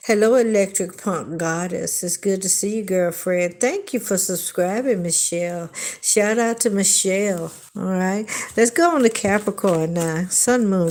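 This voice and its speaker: Chatty woman tarot reader, low voice. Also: mellow. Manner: chatty, emphatic, often checks in with "okay?" and "all right". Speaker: tarot reader hosting a livestream. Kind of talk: casual live tarot reading with chat shout-outs.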